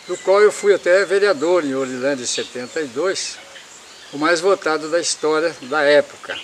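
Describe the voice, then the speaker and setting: A man's voice: a little high, a little hiss or hum. A man in his seventies from Paraná, Brazil, telling his life story in a rambling way and repeating himself. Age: 70s.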